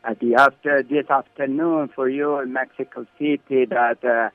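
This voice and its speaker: Man putting on a halting foreign correspondent, phone line. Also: medium pitch, steady tone, no echo, close to an everyday voice. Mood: halting, earnest. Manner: halting, stammering, repeats words. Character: bumbling male British correspondent with halting, accented Spanish. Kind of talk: comic mock radio news report. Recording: thin phone-like line, music behind.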